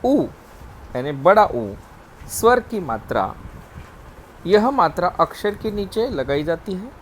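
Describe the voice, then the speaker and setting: Slow, lively-voiced man teaching children. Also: sits high, slight background noise, poor audio. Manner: slow, spelled-out word drills; repeats "okay, children". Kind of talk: primary school Hindi lesson.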